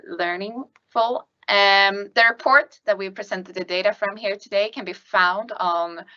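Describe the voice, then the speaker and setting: Bright-voiced woman hosting a webinar, slightly dull audio. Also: medium pitch. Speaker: webinar host and moderator. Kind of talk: hosting a panel discussion webinar. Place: studio.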